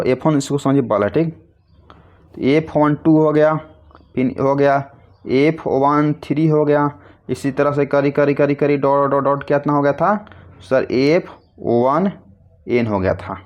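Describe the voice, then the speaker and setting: A man's voice: on the high side, unhurried, darkish tone, dull audio. A man teaching a physics lesson, asking questions and answering them himself in a repetitive, coaxing way. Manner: calls students "babu" affectionately. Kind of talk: classroom lecture explaining a derivation.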